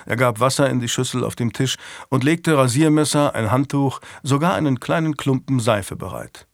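A man's voice: mid-range voice, moderate pace, vocal fry, no room sound. Man reading a story, dry sound. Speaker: audiobook narrator. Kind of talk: scripted narration.

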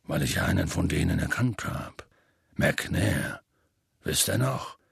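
A huge, rough-spoken half-giant with a very deep, gravelly, husky rasp and a sharp edge to it. He tells his tale in a folksy way, peppered with curses, in a dry, close recording for an audiobook. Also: huge pitch swings, slow, dry recording, heavily acted. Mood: gruff storytelling. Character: huge gruff half-giant gamekeeper, rough and warm-hearted. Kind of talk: audiobook character voice.

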